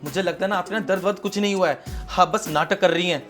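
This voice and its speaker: A man's voice: high voice, fast, a bit bright, soft background music. A young man playing a dutiful student brother-in-law in a short film drama, earnest and exasperated. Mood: exasperated refusal. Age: young adult.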